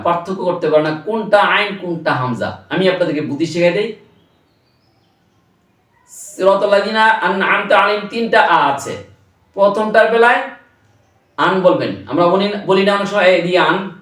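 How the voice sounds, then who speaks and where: A man teaching Quran recitation, patiently explaining pronunciation and then demonstrating it in slow, drawn-out chanting. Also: sits high, fairly bright tone, reverberant, far from the mic.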